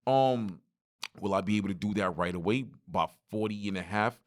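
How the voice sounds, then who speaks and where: A man, hosting a solo podcast and telling stories in lively street slang straight to his listeners. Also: fairly low pitch, moderate pace. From Brooklyn, New York. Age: 40s. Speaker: podcast host.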